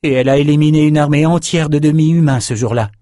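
A man's voice: on the high side, fast, warm tone, dry recording, studio quality, pitched above the performer's own voice, close to an everyday voice. A man voicing an alarmed male companion in an audiobook reading.

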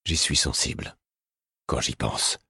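A man voicing a weary, grave aging king who speaks low and tired. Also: slow pace, vocal fry, pushed and bright, slightly rough, no room sound, studio quality, full character voice.

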